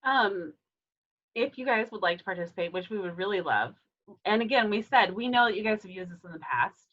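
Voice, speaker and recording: A woman's voice: medium pitch, animated, a little fast, a bit bright, muffled recording. A woman presenting a staff training on a video call in a casual way, with many fillers and restarts.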